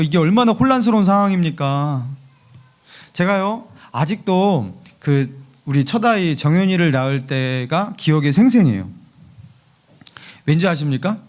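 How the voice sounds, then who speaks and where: A male pastor preaching a sermon, telling a story in an animated way and asking the congregation many rhetorical questions. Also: high-pitched.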